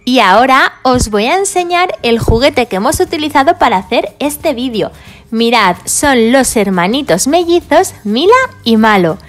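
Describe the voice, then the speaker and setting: A toy video presenter with a fairly high, sing-song voice speaks at a normal pace. She cheerfully shows off toys and explains them to children in a play-and-review clip.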